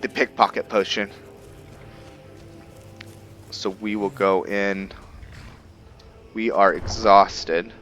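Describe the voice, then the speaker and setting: This man's casual gameplay commentary comes slow and flat, in a low, fairly bright voice with frequent pauses, as he thinks aloud through his own roleplay run. The audio is a bit muffled, video game music underneath.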